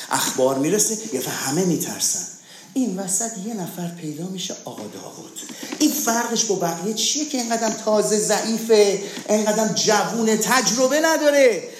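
A man's voice: sits high, roomy sound, a little hiss or hum. A man preaching a sermon, asking rhetorical questions and calling for amens. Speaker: pastor.

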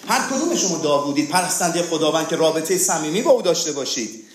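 A man's voice: on the high side, expressive, echoey room. A man preaching a sermon, asking rhetorical questions and calling for amens. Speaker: pastor.

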